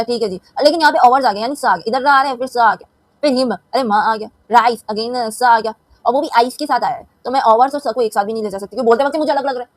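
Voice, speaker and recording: A woman's voice: high voice, dry recording, rough recording. An Indian woman teacher with a Hindi-speaking accent, explaining a lesson in a chatty way and often checking that her students follow.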